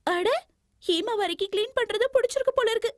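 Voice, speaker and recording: A woman voicing a quick-tempered young mother in a dubbed cartoon, scolding her husband and children. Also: extremely high pitch, very noisy. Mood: weary. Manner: scolding, exasperated. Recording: music behind the voice.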